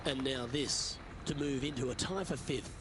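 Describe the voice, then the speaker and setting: A man playing a composed golf commentator in a video game, calling play in a polished, measured broadcast style. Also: medium pitch, background noise, close to an everyday voice. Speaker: golf commentator, lead anchor.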